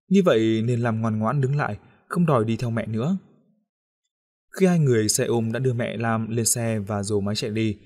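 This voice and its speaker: A male narrator reads an audio novel with a steady, measured delivery. His voice sits at an ordinary middle pitch for a man, unhurried and even.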